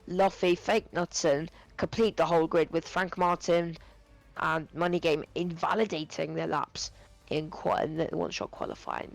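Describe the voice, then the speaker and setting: A man giving live sim racing commentary, excitable and rambling with many fillers, his voice going hoarse and cracking. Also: sits high, dry recording, low-quality recording. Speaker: race commentator.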